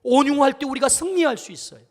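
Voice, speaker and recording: A man's voice: extremely high pitch, fast, big-room sound. A male pastor giving an earnest storytelling sermon, acting out the quotes in it. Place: church sanctuary.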